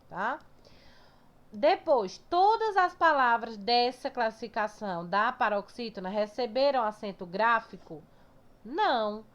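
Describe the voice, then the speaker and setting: A woman teacher walks her pupils through a lesson step by step, slowly stretching out words to sound out their syllables. Her voice sits a little high. The recording is dull and lo-fi. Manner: explains step by step, often checks with "tá?" and "certo?". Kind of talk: recorded remote class lesson.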